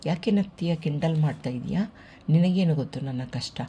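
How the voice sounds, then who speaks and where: A man's voice: fairly high pitch, normal speed, dark tone, a little hiss or hum, lightly acted. A storyteller voicing a young husband from a family audiobook, pleading and petulant at being parted from his wife. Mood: sulking. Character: young husband, lovesick and sulky.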